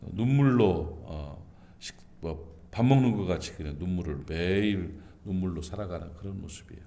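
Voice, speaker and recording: A man's voice: sits low, moderate pace, warm tone. A male pastor preaching an early-morning sermon in a church, with earnest delivery that suddenly rises and falls. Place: church sanctuary.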